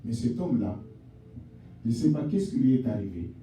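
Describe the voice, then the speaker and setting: A male pastor preaching a sermon in a church, swinging between shouted exhortation and low, quiet address, calling the congregation mother, father and sister. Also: very animated, moderate pace, recorded from a distance, slight background noise. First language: not English. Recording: echoey church hall, voice from off-mic.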